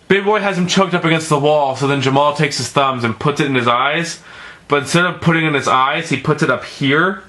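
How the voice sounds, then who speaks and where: A man's voice: a little high, a little fast, pushed and bright. A man giving a casual, profane film review, rambling and stumbling over his words, with emphatic, exasperated complaints.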